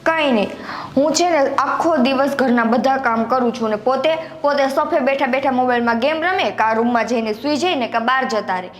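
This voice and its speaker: A woman's voice: sits high, fairly quick, lightly acted. A young woman playing a fed-up, overworked younger daughter-in-law who complains sharply. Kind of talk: family drama acting.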